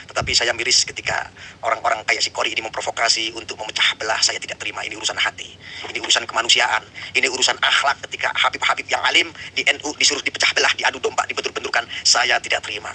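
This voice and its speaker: A man in a heated online debate, excitable and given to loud high exclaiming cries. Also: a little hiss or hum, poor audio. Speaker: livestream debater.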